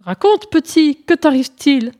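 A woman's voice: sits high, lively intonation, normal speed, a little mellow, voice pushed up. Vain storybook peacock, indignant exclamations, a woman doing it. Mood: flustered. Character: proud vain male peacock, flustered.

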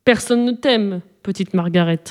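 A huge, cruel giant from a storybook mocks his foe with sneering contempt, then turns falsely sweet and coaxing, put on by a woman narrator. The tone stays mellow and dark. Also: medium pitch, moderate pace, lightly acted. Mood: mocking.

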